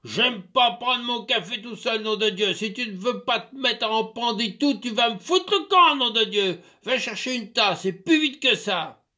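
A man voicing a gruff, bullying old farmer master who bellows and swears in rough rustic speech, in a storybook reading. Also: on the high side, very animated, slow pace, voice pushed up. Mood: bellowing furious.

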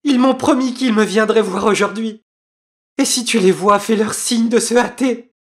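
A man voicing a terrified young wife pleading for her life in a storybook reading, in a high falsetto. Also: moderate pace.

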